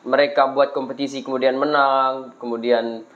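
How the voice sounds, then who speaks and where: A man's voice: medium pitch, little pitch movement, normal speed. A man chatting casually as an interview guest, giving moral advice with self-deprecating humour and an earnest streak. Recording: dull lo-fi audio with background noise.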